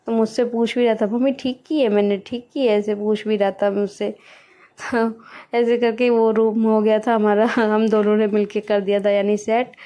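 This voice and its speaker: A woman's voice: mid-range voice, flat delivery, normal speed, dark tone. A woman, chatting casually through her home routine and explaining each step. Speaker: vlogger. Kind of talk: casual home vlog narration.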